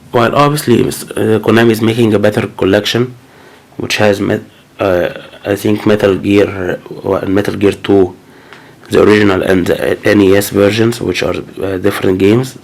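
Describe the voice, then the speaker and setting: A low, creaky, darkish voice with fairly even intonation belongs to a gaming channel host who has a cold. At a normal speed, he talks casually and hesitantly through his new game collection, with plenty of fillers and restarts.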